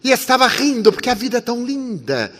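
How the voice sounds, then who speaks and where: Animated older man preaching in a hall. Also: very high-pitched, quick pace. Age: 80s. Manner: animated, swings from loud to soft, acts out dialogue. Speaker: spiritist speaker. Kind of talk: sermon with storytelling. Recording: long hall reverb.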